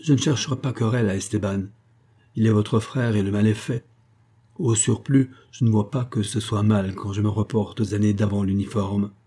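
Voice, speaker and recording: A young officer in an audiobook, wounded and bitter, speaking gravely and with measured weight that turns harsh, as a man reads him in a low voice. The sound is dark and husky throughout. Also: steady tone.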